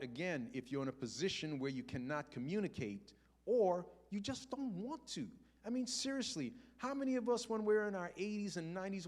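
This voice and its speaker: An older man giving a conversational finance talk to a church congregation. He asks rhetorical questions and slows down to repeat key points. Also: a little high. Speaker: guest speaker on personal finance. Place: church sanctuary before a congregation.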